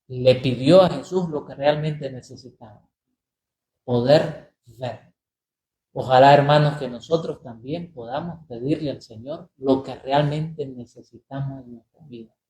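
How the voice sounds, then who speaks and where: Priest preaching in an echoing room. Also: male voice, medium pitch, warm tone. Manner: deliberate, repeats phrases for emphasis, slows key words. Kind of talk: sermon. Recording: roomy echo.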